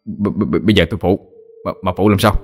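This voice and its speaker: A frightened, selfish middle-aged son stammers and whines, as a deep-voiced male narrator puts him on. His voice sits low, with soft music beneath. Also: fairly quick, natural voice. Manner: stammering, whining.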